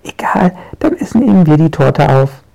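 Man voicing a high excited little girl witch. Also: normal speed, vocal fry, heavily acted. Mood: chatty. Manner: bright, excited calling.

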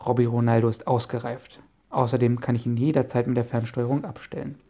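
A man reading a friendly inventor professor in an audiobook, calm and explaining, with a gravelly voice. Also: mid-range voice, brisk, lo-fi sound, natural voice. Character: friendly middle-aged male inventor professor. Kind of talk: audiobook character voice.

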